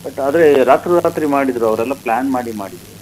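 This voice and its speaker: A man's voice: mid-range voice, a little mellow. Heated man on a phone line, faint hiss. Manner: measured, slow, rising to heated emphasis. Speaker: fan association state president. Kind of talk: phone-in news interview.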